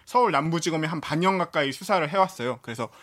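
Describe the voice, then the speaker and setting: High-pitched, animated man hosting casually. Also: quick pace. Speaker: reporter and stand-in host. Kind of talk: casual studio chat.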